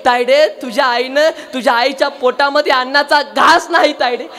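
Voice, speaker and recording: Grieving father, played by a young male preacher, pleading, tearful, high-voiced. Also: fairly even intonation, moderate pace, pushed and bright, exaggerated voice. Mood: anguished. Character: grieving father pleading for his lost daughter.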